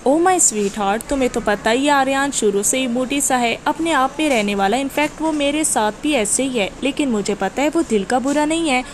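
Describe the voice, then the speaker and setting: A woman's voice: high voice, few pauses, noisy background, natural voice. A woman voicing a doting middle-aged aunt who coaxes and reassures her niece in an audiobook. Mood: coaxing. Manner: coaxing, affectionate.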